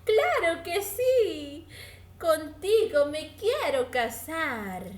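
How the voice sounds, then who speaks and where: A woman's voice: sing-song, takes it slowly, fairly bright tone, exaggerated voice. A woman voicing a vain, busy young female mouse in a children's storybook reading, haughty and dismissive. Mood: delighted. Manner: haughty, high-pitched and dismissive. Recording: echoey room.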